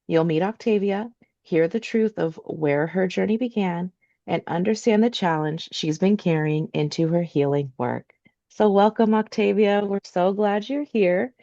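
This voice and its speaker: A woman hosting an interview podcast, reading a measured scripted intro and then asking chatty questions. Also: medium pitch, mellow, muffled recording. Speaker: podcast host.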